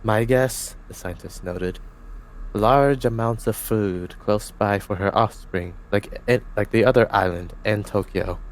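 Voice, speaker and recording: A man's voice: fairly low pitch, measured pace. Young man narrating fan fiction aloud. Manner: steady narration with slips and self-corrections. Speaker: host and narrator.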